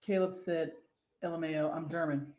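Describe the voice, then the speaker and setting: A woman co-hosting a laid-back live-stream show reads viewer comments and wanders off on tangents, swearing and laughing with ease. She has a deep, warm voice with fairly even intonation and a slightly fast pace, plus a little hiss or hum and an echoey room.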